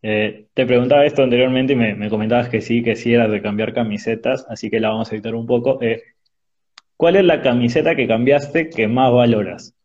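A male interviewer asking short, direct questions in a quick question round, heard through a dull, choppy online call with a weak connection. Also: mid-range voice, fairly even intonation, darkish tone. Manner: brief, direct questions with filler pauses. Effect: choppy, dull sound over a weak online call connection. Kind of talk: rapid-fire question round over a video call. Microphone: remote call audio.

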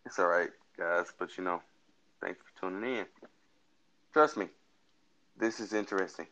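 A man's voice: low voice, normal speed, sharp tone, muffled recording. A tired young man co-hosting a casual late-night chat, laid-back and hedging as he talks. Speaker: co-host.

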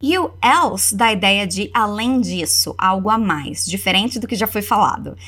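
A Brazilian woman teaching English in a lesson, explaining quick and modeling phrases slowly for repetition. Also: mid-range voice, expressive, sharp tone. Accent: Brazilian Portuguese. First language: Portuguese. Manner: slow, over-articulated model phrases between quick explanations. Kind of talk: language lesson with repeat-after-me drills.

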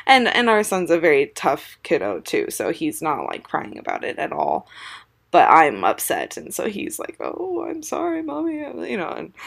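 A young woman and mother telling a casual story on her podcast, chatty and full of fillers, often laughing. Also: lowish voice.

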